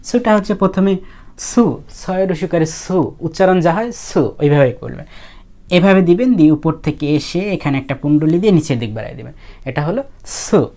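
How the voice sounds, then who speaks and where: A woman walks learners through writing characters stroke by stroke. She speaks casually, pausing to think aloud and chatting with her viewers. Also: low-pitched, expressive, dark tone. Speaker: language teacher. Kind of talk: explaining how to write characters.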